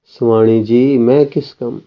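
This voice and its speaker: A devoted young woman full of remorse, read by a male storyteller, pleading and blaming herself. The voice stays slow and measured. The recording is somewhat dull and lo-fi. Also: medium pitch, fairly even intonation, natural voice. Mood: remorseful.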